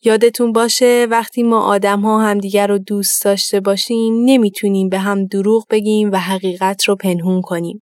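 A woman's voice: mid-range voice, flat delivery, few pauses, dry recording, studio quality. Woman reading a children's story. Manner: gentle, instructive.

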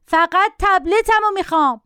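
A woman's voice: no room sound, studio quality. A woman voicing a spoiled little boy who screams and whines for his tablet. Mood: whiny. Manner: shrill, whiny and demanding.

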